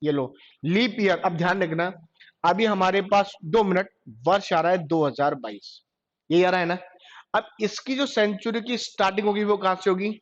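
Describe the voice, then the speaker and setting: Man, high voice, classroom lecture, self-answering questions, muffled lo-fi sound. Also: normal speed. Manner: quizzes class, answers his own questions. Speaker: computer teacher. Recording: dull lo-fi classroom recording.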